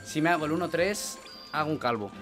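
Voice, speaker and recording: A young man with a Spain Spanish accent, streaming a speedrun and talking to chat in nervous, swearing chatter, with bursts of frantic yelling. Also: fairly high pitch, lively intonation, a little fast. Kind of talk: live speedrun commentary. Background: game music.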